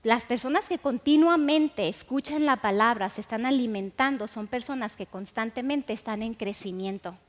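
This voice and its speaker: A woman teaching a sermon, repeating key phrases slowly and with emphasis, with frequent restarts. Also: on the high side. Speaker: Bible teacher. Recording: long hall reverb.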